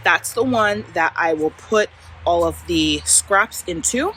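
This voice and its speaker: A woman's voice: on the low side, lively intonation, slow, a bit bright, low-quality recording. Female backyard vlogger, informal and easygoing, talking to viewers outdoors with light ambient noise behind. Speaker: gardening vlogger. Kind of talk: casual chatty backyard vlog. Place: outdoors in a suburban backyard and side yard.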